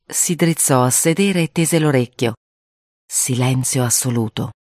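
A reader narrating a spooky children's story aloud in an expressive way, acting out the voices. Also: medium pitch, unhurried, dry recording, studio quality.

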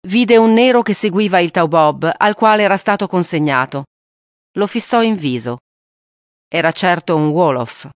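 Brief: a woman narrating an audiobook, lowish voice, steady and grave, dry close recording. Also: normal speed, few pauses, dry recording.

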